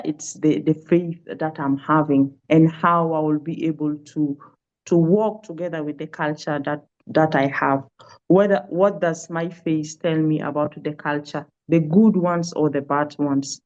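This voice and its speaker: Unhurried and deep-voiced with a slightly mellow quality, a South Sudanese woman who works in pastoral care and trauma healing responds to webinar interview questions. She hesitates and hunts for words, and the video call audio is dull and lo-fi.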